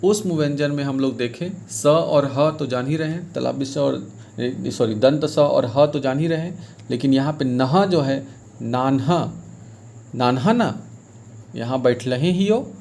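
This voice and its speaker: A man's voice: medium pitch, unhurried, creaky, darkish tone, a little hiss or hum. A man teaching an exam-prep grammar lesson, explaining step by step and repeating key points, now and then saying sample phrases in a local dialect.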